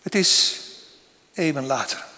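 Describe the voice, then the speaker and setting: Slow solemn male preacher in a reverberant church. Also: on the high side, animated, bright, forceful tone. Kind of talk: sermon.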